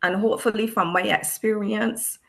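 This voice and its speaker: A woman's voice: mid-range voice, steady tone, normal speed, gravelly, a bit bright. A woman from Barbados, a special education teacher speaking thoughtfully as a guest, often repeating words as she searches for them. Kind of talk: reflective discussion.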